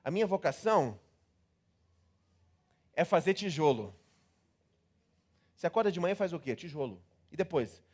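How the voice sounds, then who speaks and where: A man with a Brazilian Portuguese accent preaching a sermon, theatrical and animated, acting out scenes and repeating words in rhythm. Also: on the high side, moderate pace, long pauses. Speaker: pastor.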